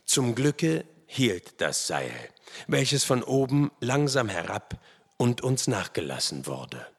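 A man reading a first-person adventure story aloud in a dramatic, expressive way. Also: medium pitch, takes it slowly, slightly rough. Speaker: audiobook narrator. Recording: long hall reverb.

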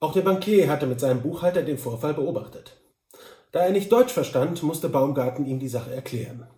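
A man reading a novel aloud in a calm, measured amateur audiobook narration. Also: a little high, reverberant. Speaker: reader.

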